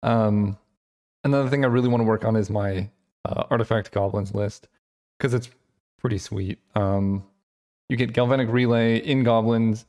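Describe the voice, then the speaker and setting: A channel host thinks aloud during casual gameplay commentary, using lots of fillers as his mid-range, slightly mellow voice grows hoarse.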